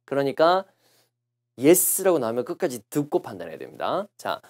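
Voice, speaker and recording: A male lecturer teaching English test strategy in a recorded class. His pitch swings up and down a lot as he explains. He keeps to a middle register and patiently repeats phrases slowly to model pronunciation. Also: big pitch swings, a little mellow.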